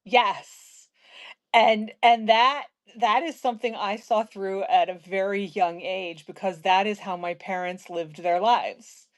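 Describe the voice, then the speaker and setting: A woman's voice: mid-range voice, slow pace, dull audio. Chatty woman in her fifties telling stories. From South Central Pennsylvania. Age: 50s. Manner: storytelling, animated asides. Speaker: host. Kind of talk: casual conversation.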